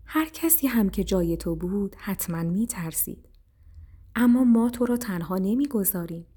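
A woman voicing a wise, gentle old crow healer in a children's story, speaking softly and calmly. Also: medium pitch, breathy edge. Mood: soothing. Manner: soft and calming.

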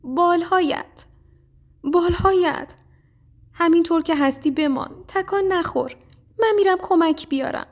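A woman voicing a small, lively mouse friend in a children's story, talking high and urgent.

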